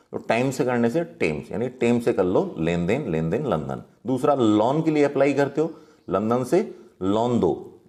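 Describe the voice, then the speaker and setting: A man, teaching general-knowledge memory tricks in a lively storytelling way. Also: sits low. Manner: lively, storytelling, acts out little quotes.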